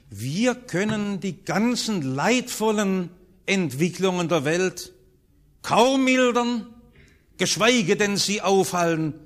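A man delivers a sermon in a high, unhurried voice. He speaks earnestly and swings between hushed, low passages and loud, rising ones. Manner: earnest, with strong rises and falls in pitch and loudness. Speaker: preacher.

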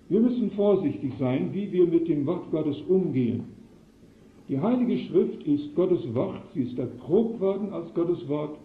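A man's voice: a little high, vocal fry. Earnest preacher man, tinny echoey recording. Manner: earnest, probing rhetorical questions. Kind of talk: sermon.

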